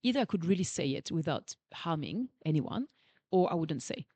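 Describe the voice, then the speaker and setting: A woman's voice: deep voice, sing-song, moderate pace, no room sound. A woman with a non-native English accent hosting an interview, asking questions and agreeing often. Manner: warm agreeing, many "true" and "yeah" replies. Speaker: podcast host, interviewer.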